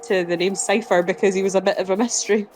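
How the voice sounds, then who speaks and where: A woman's voice: mid-range voice, steady tone, fast, a crowd in the background, low-quality recording. A woman chatting casually while gaming, telling stories with fillers and restarts. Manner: chatty storyteller, hesitant with fillers. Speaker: co-player on a farming sim stream. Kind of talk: casual chat.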